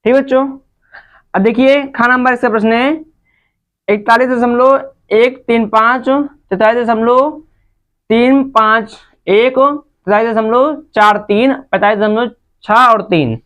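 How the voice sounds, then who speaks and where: A woman's voice: on the high side, measured pace. A woman teaching a maths lesson to children, patient and step by step, often calling out to the kids. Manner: patient, repeatedly addresses the children.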